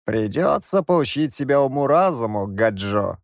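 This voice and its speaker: A man's voice: mid-range voice, a little slow, no room sound, studio quality. A man doing a mocking, menacing Roma man. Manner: mocking, calm, drawn out. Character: grim middle-aged male Roma, mocking and menacing.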